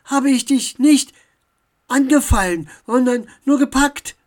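A woman voicing a quick-tempered young elf girl in a children's audiobook, speaking high and indignant. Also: animated, darkish tone.

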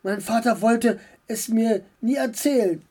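A woman's voice: fairly high pitch, measured pace, warm tone, husky, pitched above the performer's own voice. A woman voicing an eager, curious young boy. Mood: eager questioning. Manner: questioning, insistent.

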